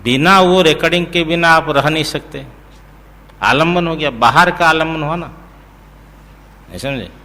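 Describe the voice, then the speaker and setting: A man as a spiritual teacher, giving a scripture discourse in a slow, explanatory way, chanting verses and checking that listeners follow. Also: fairly high pitch, sharp tone, big-room sound.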